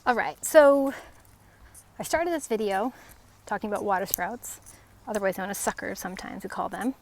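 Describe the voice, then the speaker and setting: A woman with a mid-range voice strolls down a residential street, casually explaining trees to the camera for her identification vlog. Her phrasing is short, halting and conversational, over faint background noise outdoors.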